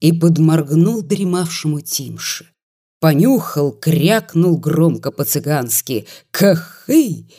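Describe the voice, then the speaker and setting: A narrator reading classic prose in a measured storytelling manner for an audiobook. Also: mid-range voice, expressive, dark tone.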